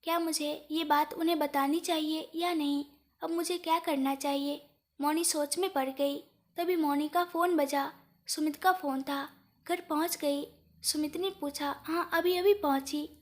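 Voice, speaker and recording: Woman, high voice, scripted story narration, same plain voice for every character. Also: steady tone, a little slow.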